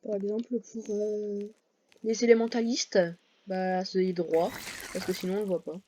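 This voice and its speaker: A woman's voice: medium pitch, steady tone, measured pace, mellow. A woman giving casual, hesitant commentary over her gameplay, full of fillers and self-corrections. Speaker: gaming video creator.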